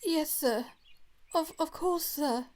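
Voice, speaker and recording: A man's voice: very high voice, very animated, slow, pitched above the performer's own voice, exaggerated voice. A man voicing a haughty old female steam lorry who boasts and looks down on others. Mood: meek. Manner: boastful, snooty, then meek.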